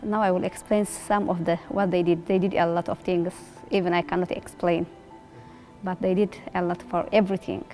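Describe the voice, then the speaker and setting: A woman speaks earnestly in a documentary interview, using simple, direct phrasing. Her voice is low-pitched and warm. Faint music runs beneath her. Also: level tone, normal speed. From Eritrea. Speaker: resettled refugee.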